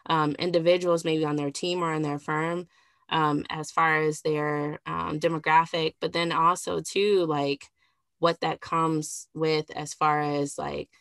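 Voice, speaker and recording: Low gravelly-voiced woman podcast host. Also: flat delivery, unhurried, fairly bright tone, no echo, studio quality. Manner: rambling, many fillers and likes. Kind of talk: casual podcast chat.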